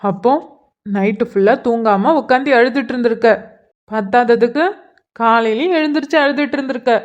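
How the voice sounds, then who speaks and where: A woman's voice: on the high side, a little fast, lo-fi sound, natural voice. A woman voicing an earnest young man who keeps pressing his elder sister with pleading, insistent questions in a cartoon. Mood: probing. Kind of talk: cartoon voice acting.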